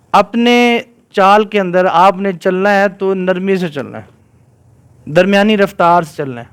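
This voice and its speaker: A man's voice: high voice, smooth. A man giving a religious lesson to children, reciting verses in Arabic and often asking his listeners whether they follow. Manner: keeps quizzing listeners with "right?". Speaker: Islamic scholar teaching children.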